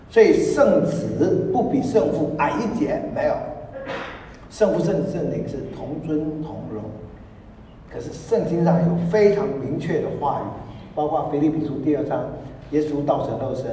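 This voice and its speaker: A man's voice: a little high, slight background noise. A middle-aged man preaching a sermon as pastor, joking and laughing as he goes. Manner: animated, joking, laughs often. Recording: echoey hall from far off.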